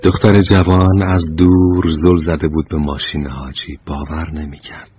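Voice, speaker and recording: A man giving scripted narration of short anecdotes, measured and slow, his line endings trailing off softly. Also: rumbling low, little pitch movement, highs cut off, slight background noise.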